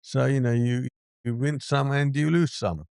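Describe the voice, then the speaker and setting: Smooth-voiced man. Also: mid-range voice, fairly even intonation, normal speed, darkish tone, no room sound, clean studio sound. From Hungary. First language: Hungarian. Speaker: app developer, guest. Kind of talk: interview answers.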